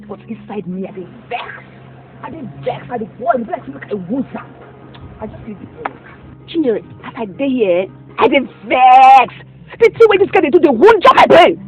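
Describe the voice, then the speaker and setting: A woman's voice: mid-range voice, natural voice. A woman with a Nigerian Pidgin accent plays a young woman who rants angrily and threatens her lover's new girl. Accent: Nigerian Pidgin English. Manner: heated, ranting, threatening. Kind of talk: film drama acting. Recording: tinny lo-fi audio with loud music.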